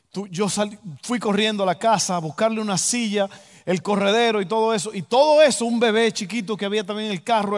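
High-voiced man telling a story in a hall. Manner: animated storyteller, acts out voices and exclamations. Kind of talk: storytelling sermon. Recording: long hall reverb.

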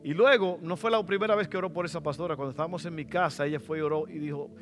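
A middle-aged man preaching a sermon as pastor in a church, fervent and rising to loud exclamations. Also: on the high side, rapid-fire, over music. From Latin America.

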